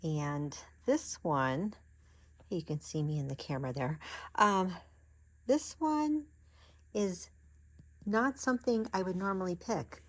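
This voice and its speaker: Husky, slow-talking woman unboxing. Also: fairly low pitch, dry recording. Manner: gasping, excitable, chatty with restarts. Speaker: crafting vlogger. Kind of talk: casual unboxing chat.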